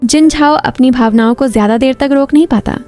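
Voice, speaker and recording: A woman narrating a drama recap in a smooth, even storytelling delivery. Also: high-pitched, fairly quick, soft background music.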